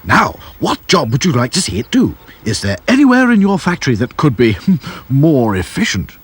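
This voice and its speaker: A man voicing an eager, boastful old male inventor who talks in a bubbly, excitable way. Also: mid-range voice, moderate pace, husky, voice pushed up.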